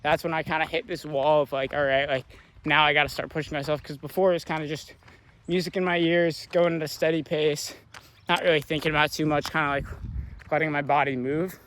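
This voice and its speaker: A man's voice: fairly high pitch, a little fast. A young man talking casually to camera on a long road after a run, out of breath and rambling with lots of fillers. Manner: relaxed and rambling, many "like" fillers. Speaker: vlogger. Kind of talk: casual vlog talk to camera. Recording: faint outdoor noise. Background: passing cars and outdoor ambience.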